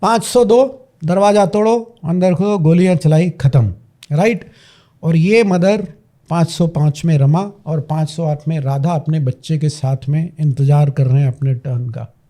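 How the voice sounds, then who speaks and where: Dramatic, high-voiced man telling a story. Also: moderate pace, mellow. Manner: dramatic storyteller, repeats lines for emphasis. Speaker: podcast guest, parenting coach. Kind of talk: storytelling in a podcast interview.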